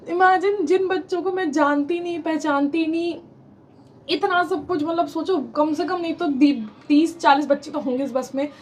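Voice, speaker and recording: High-voiced young woman telling a story. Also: a little hiss or hum. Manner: animated, rambling, mixes English phrases into Hindi. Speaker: vlogger telling a personal story. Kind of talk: casual storytime narration.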